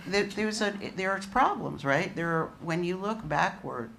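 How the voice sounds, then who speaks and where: A woman speaking as a panelist at a museum discussion, emphatic with drawn-out phrasing. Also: on the low side, lively intonation, creaky, a bit bright, slight background noise. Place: museum event room.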